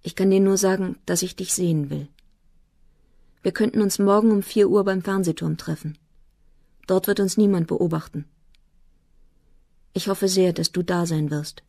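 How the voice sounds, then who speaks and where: A woman's voice: on the low side, moderate pace, creaky, long pauses, warm tone, dry recording, studio quality. A woman reading aloud the earnest love letter of a young man in an audiobook.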